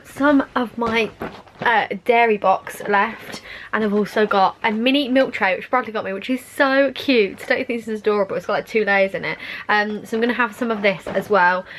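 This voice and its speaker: A woman in her twenties chatting casually to her camera at home, rambling a little and filling pauses with ums. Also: mid-range voice, fairly bright tone, poor audio. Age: 20s. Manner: chatty, rambling, many fillers. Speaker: vlogger. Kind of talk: casual vlog chat. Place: at home, indoors. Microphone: camera on a small tripod.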